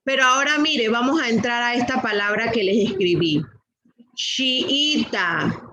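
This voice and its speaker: A middle-aged woman teaching a class, speaking slowly and patiently and repeating rules and questions to her students. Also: fairly high pitch, fairly bright tone, low-quality recording. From Latin America. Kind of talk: online class lesson.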